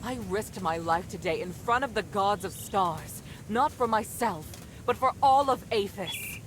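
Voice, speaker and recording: Woman acting a defiant young noblewoman, rumbling noise. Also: animated, a little slow, natural voice. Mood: urgent pleading. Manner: earnest, urgent, formal. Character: noble young mistress, defiant, earnest, righteous. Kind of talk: dramatic video game acting.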